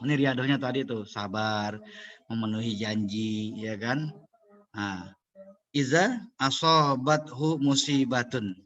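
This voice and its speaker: A man giving a university lecture, explaining slowly in a chatty way and chanting recited lines. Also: mid-range voice, a bit bright, highs cut off.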